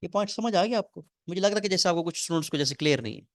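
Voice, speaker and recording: Male teacher, higher voice. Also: lively intonation, no echo. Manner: reads rules slowly, explains in quick asides, quizzes students. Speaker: English teacher. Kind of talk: classroom lecture. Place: classroom. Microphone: recorded lecture mic.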